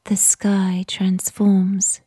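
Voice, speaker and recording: A woman narrating a guided nature relaxation story in a soft, breathy whisper, unhurried and soothing, with long pauses between short phrases. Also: mid-range voice, completely flat delivery, dry recording.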